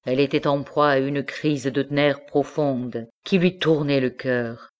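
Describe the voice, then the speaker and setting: A woman with a low voice narrates a literary novel for an audiobook. Her reading is measured and expressive, with a steady cadence. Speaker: audiobook reader.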